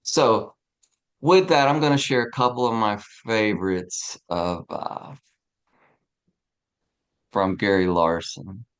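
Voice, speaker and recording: A man teaching a casual spiritual study class, relaxed and chuckling often, checking in with his listeners as he goes. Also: lowish voice, slow, pauses often. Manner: relaxed, chuckling, frequent "right?". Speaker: teacher of a tarot study group.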